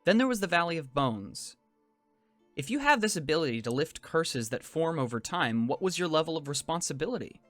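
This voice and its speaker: A man narrating a tabletop fantasy game as game master, in measured, descriptive second-person storytelling. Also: a little high, very animated, fairly bright tone, no room sound. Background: faint music.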